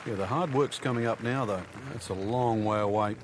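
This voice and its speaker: A golf analyst on a broadcast explains things conversationally in a lowish male voice at a moderate pace. Outdoor crowd and background noise can be heard in the recording.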